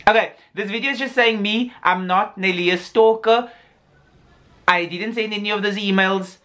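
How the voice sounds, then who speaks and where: A man's voice: high voice, fairly even intonation, normal speed, pushed and bright. A young man from Africa, ranting casually and sassily to his vlog audience, full of "like" fillers. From South Africa. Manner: sassy, rambling, heavy on "like" fillers. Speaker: YouTuber.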